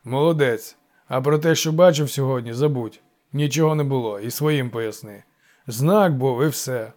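A man voicing a gruff, goat-legged male forest god who grumbles curt orders. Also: medium pitch, normal speed, darkish tone, close to an everyday voice.

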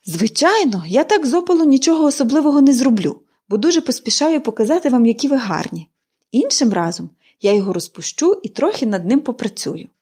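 A woman's voice: a little high, very animated, moderate pace, darkish tone. A woman voicing a cheerful, chatty young girl in an audiobook reading, gushing and eager.

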